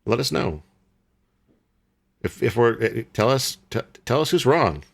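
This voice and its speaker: Very animated yet unhurried, this young man's mid-range voice has a creaky quality. As a podcast co-host discussing a film casually, he rambles, stalls over words, and fills gaps with fillers and restarts.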